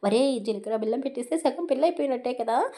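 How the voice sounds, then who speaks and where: A woman's voice: sits high, animated, very fast, dark tone. A woman voicing a commanding, furious young man who roars and threatens. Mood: angry commanding. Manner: stern, roaring, threatening.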